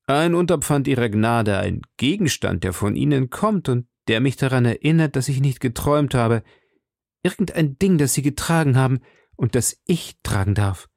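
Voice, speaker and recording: A man's voice: medium pitch, expressive, moderate pace, vocal fry, a little mellow, no room sound, studio quality, voice pushed up. A man reading an audiobook, voicing a fatalistic, lovesick duke with earnest devotion. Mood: ardent.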